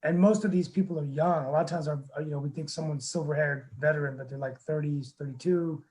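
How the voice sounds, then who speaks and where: A man hosts a webinar over a video call. His voice sits a little high for a man. He rambles earnestly, with many restarts and fillers. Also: steady tone, fast, darkish tone, poor audio. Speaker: webinar host, town council member. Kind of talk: casual webinar talk.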